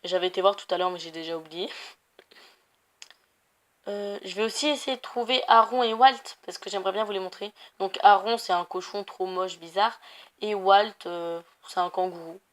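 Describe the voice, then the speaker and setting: A woman's voice: mid-range voice, moderate pace. A young woman of Portuguese family background chatting casually while playing a video game, rambling with many fillers and self-corrections. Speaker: gaming youtuber. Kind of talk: casual gameplay commentary.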